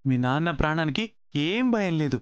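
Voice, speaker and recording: A man playing a gentle, fatherly gentleman. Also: fairly high pitch, animated, brisk, clear, resonant tone, dry recording, muffled recording, natural voice. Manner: soothing, coaxing, reassuring. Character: kind fatherly older gentleman, protective and gentle. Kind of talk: TV serial acting.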